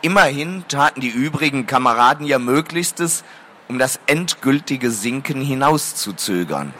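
Bright-voiced man doing a formal reading. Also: mid-range voice, expressive, normal speed. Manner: formal, addresses listeners politely. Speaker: co-reader of a fantasy novel. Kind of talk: live reading addressing an audience.

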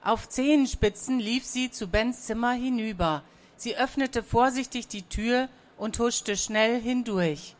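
A woman narrating a children's story in a calm, even, scripted reading. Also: a little high, unhurried.

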